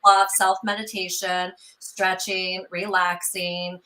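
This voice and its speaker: A woman's voice: lowish voice, flat delivery, takes it slowly, sharp tone, low-quality recording. A middle-aged woman hosting an interview, affirming and encouraging her guest. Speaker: host. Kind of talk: casual interview chat.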